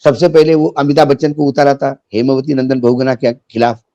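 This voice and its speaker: Mellow-voiced sarcastic male commentator. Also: mid-range voice, little pitch movement, brisk, dry recording, muffled recording. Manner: biting, sarcastic, tells jokes and anecdotes. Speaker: political commentator guest. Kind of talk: sarcastic political discussion.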